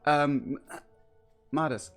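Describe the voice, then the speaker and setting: A man's voice: on the high side, very slow, a bit bright, clean tone, faint music behind. A man playing a tabletop role-playing game, talking hesitantly with many ums and apologies. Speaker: player.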